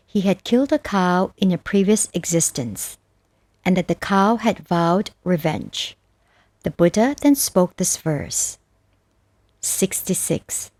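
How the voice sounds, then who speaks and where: An audiobook narrator reads scripted Buddhist verses and stories very slowly. Her fairly low, mellow voice carries a solemn, measured tone. The recording is dry and close, with no room reflections or echo.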